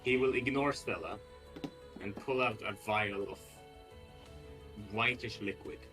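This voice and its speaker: A man with a very low voice speaks casually as a player in a tabletop game, describing his character's actions with fillers and restarts. Faint music plays in the background. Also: unhurried, pushed and bright, rough recording. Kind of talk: tabletop role-play session.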